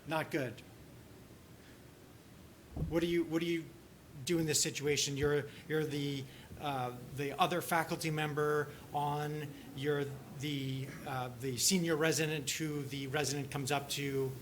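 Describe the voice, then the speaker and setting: A man presenting a teaching workshop and talking through a case, halting often and restarting his sentences, with lots of "you know". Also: on the high side, little pitch movement, a little hiss or hum. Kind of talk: conference teaching session with case discussion.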